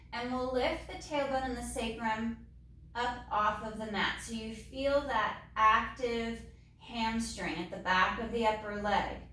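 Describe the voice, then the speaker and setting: A woman leading a Pilates mat class, calmly cueing each movement step by step. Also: fairly high pitch. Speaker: Pilates instructor. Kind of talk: guided exercise class. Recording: very echoey room, mic far off.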